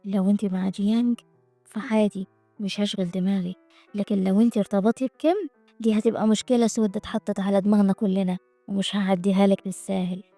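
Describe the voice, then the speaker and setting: A woman's voice: medium pitch, fairly even intonation, quick pace, mellow, dry recording, faint music behind, pitched below the performer's own voice, lightly acted. A woman voicing a stern old Egyptian grandfather. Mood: threatening. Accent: Egyptian Arabic. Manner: scolding, blustering. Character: stern, angry old grandfather, head of the family.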